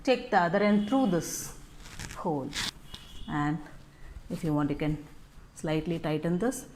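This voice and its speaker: Slow-talking woman demonstrating scarf styles. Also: lowish voice, lively intonation, darkish tone, slight background noise, poor audio. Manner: unhurried step-by-step instructions with frequent "no?" tags. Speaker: scarf styling tutorial host. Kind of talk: casual how-to demonstration.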